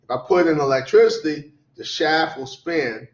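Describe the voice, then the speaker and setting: A tired, sleepy man teaching a lecture class, repeating definitions slowly so students can write them down. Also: fairly high pitch. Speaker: college instructor. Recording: echoey classroom, dull lo-fi sound.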